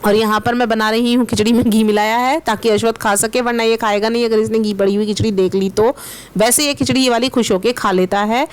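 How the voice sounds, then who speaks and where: A woman from Meerut, India, narrates her day in a relaxed home vlog. Her voice sits somewhat high for a woman. She is chatty, explains each step as she goes and talks straight to her viewers. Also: fairly quick, smooth. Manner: chatty, explains steps and addresses viewers directly. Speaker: vlogger and housewife.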